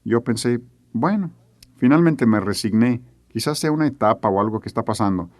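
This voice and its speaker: A man's voice: medium pitch, expressive, moderate pace, a little mellow, dry recording, clean studio sound. A middle-aged man teaching a sermon, telling a family story earnestly and acting out the voices he quotes. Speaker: preacher.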